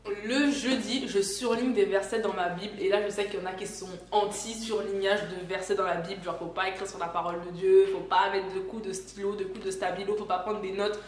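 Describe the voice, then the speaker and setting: A woman's voice: medium pitch, flat delivery, a little fast, few pauses, darkish tone. Chatty young woman in an echoey room. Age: 20s. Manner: chatty, self-correcting, with fillers. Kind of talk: casual chat to camera. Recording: echoey room with faint background noise.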